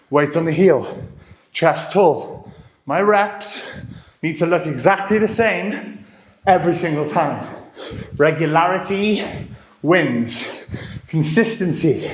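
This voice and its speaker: A man coaching a live workout, giving short encouraging commands and countdowns, a little out of breath. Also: high-pitched. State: getting out of breath. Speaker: fitness coach. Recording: roomy echo.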